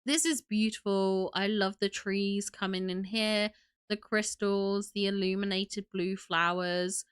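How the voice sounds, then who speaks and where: A woman's voice: mid-range voice, steady tone, measured pace, clear, resonant tone. A young woman hosting a casual livestream, sniffly from a cold, gushing and chatty as she greets viewers. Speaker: livestream host.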